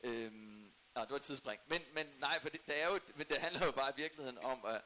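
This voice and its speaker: A man explaining football fan culture as a talk show guest, his voice bright and his pitch in a middle range. He pauses and restarts as he thinks. A faint hiss runs under the recording. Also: poor audio. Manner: explanatory, hesitant with fillers. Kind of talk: casual talk show chat.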